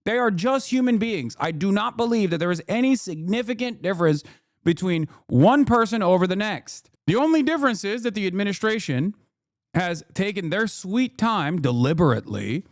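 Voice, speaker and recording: A man's voice: high-pitched, lively intonation, normal speed, dry recording, clean studio sound. A man doing heated live-stream commentary, blunt and profane as he argues with his chat. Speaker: streamer reacting to clips.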